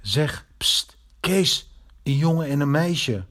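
A man's voice: a little high, expressive, slow pace, fairly bright tone, voice pushed up. Eager lovestruck teen boy, read by a man, a bit breathless, storybook. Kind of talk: storybook reading.

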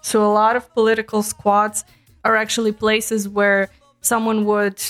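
A woman from Serbia co-hosts a casual podcast and explains things patiently, laughing easily. Her voice sits at a middle pitch, and soft music plays faintly underneath. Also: completely flat delivery, measured pace. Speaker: podcast co-host.

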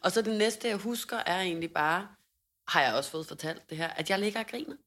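A young woman telling a story in casual podcast chat, animated, with lots of fillers and laughter in her voice. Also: lowish voice. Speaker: podcast co-host.

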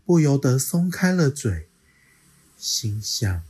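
A woman reading a children's picture book aloud as a storyteller, with expressive, measured narration. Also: a bass voice, husky.

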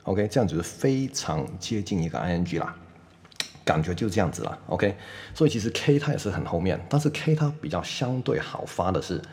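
A deep-voiced man teaches pronunciation in an online lesson. He explains patiently and draws out each sound slowly to demonstrate it. He peppers his talk with "OK". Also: darkish tone. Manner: sprinkles "OK" through his speech.

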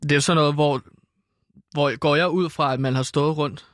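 A man interviewing in a straight-faced comic way, calmly repeating answers and asking probing questions. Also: fairly high pitch, dry recording, studio quality.

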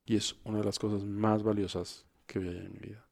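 A middle-aged man, a coach and guest, telling personal stories in a lively, dramatized way. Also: fairly quick, creaky. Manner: animated, acts out dialogue with big pitch jumps. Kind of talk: conversational storytelling.

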